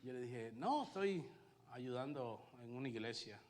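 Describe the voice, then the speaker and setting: A male pastor with a Puerto Rican Spanish accent preaching a sermon and telling his own story, alternating loud emphasis with hushed asides. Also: mid-range voice, expressive, measured pace, in a large hall. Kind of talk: sermon with personal testimony. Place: church sanctuary.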